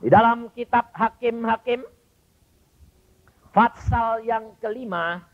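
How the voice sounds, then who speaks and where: A man's voice: very high voice, slow. A male evangelist preaching a sermon, telling stories and asking the congregation rhetorical questions. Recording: dull lo-fi sermon recording.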